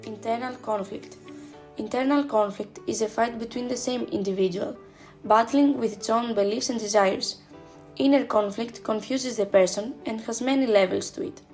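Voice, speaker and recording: Woman, presentation narrator, slightly high voice, measured list reading, soft music underneath. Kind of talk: read slide narration. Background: faint background music.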